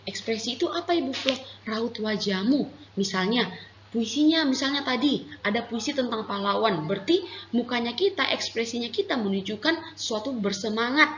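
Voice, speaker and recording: An Indonesian-accented woman teaches young children in a gentle, patient, unhurried way. Her voice rings in an echoey room, and the recording sounds slightly dull with faint hiss behind it. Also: fairly high pitch. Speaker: primary school teacher. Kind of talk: online lesson for young children.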